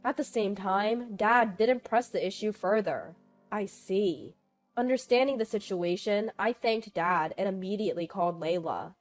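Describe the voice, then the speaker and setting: A woman's voice: medium pitch, unhurried, soft background music. A woman reading a first-person family drama story in an earnest, dramatic manner. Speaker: narrator. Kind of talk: scripted first-person narration.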